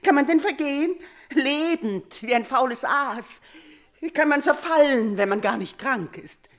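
In a theatrical 1950s radio drama, a high-voiced actress portrays an aging queen and mother tormented by nightmares. Her intonation is lively and her pace measured as she shifts between loud outcries and near-whispers.

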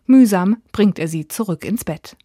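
A woman presenting an audiobook in calm, measured scripted narration. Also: mid-range voice, no room sound, studio quality.

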